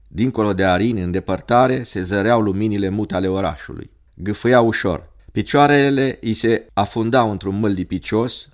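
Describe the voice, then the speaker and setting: A man narrating a story in a measured, dramatic reading. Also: fairly low pitch.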